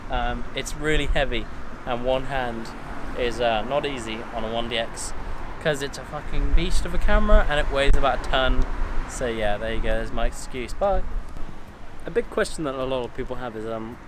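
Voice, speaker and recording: A man's voice: medium pitch, background noise. A young man with an English accent, chatting casually to camera in his home basement about exam results. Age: young adult. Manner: chatty, loose, swears casually. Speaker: vlogger. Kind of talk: casual vlog talk to camera.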